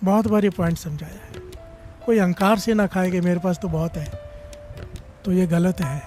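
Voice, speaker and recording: A man's voice: high voice, steady tone, moderate pace, a little mellow, faint music behind. A man preaching a sermon, telling a story and repeatedly calling on the congregation to respond. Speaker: Sikh preacher giving katha.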